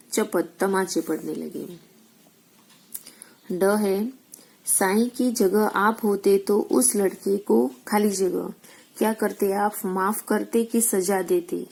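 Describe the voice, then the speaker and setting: A woman teaches a recorded school lesson at an unhurried pace. Her voice is low in tone and gravelly. She poses questions and answers them herself, slipping English terms in among her explanations. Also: dark tone, low-quality recording.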